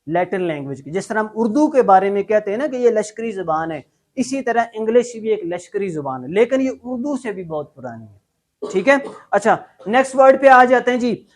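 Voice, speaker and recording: A young Pakistani man with a Pakistani accent, teaching an English class and drilling students in loud call-and-response. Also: high-pitched, expressive, fairly quick. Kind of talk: classroom lecture.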